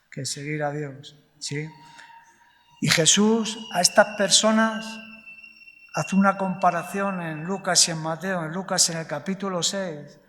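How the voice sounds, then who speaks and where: A man preaches a sermon in a slow, deliberate way, his voice sitting a little high for a man. He puts questions to the congregation and answers them himself, tagging many lines with a short "sí?". His voice rings with the long reverb of a church hall. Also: fairly bright tone. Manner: frequent tag questions, slow deliberate emphasis. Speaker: pastor.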